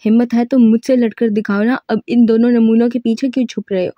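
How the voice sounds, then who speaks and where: A woman voicing a feisty young businesswoman who snaps back in sharp, argumentative retorts. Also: fairly high pitch, fairly even intonation, fairly quick, no room sound, lo-fi sound, close to an everyday voice.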